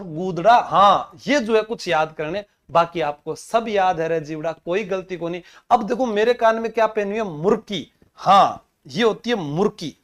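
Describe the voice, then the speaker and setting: A man teaching an exam-prep lesson, playfully drilling memory tricks by repeating words. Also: sits high. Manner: playful, drills terms by repetition.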